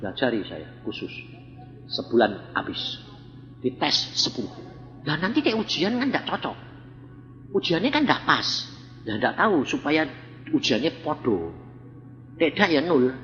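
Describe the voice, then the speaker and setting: A man's voice: a little high, huge pitch swings, a little slow, pauses often, fairly bright tone, faint music behind. An older man with a Javanese accent, an evangelist telling a testimony in a sermon, blunt and acting out the voices in his stories. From Central Java, Indonesia. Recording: reverberant hall, dull lo-fi sound.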